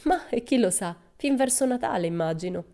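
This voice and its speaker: A woman's voice: a little high, animated, fairly quick, mellow, voice pushed up. Woman doing a boisterous, exuberant young girl. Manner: exuberant, exclaiming.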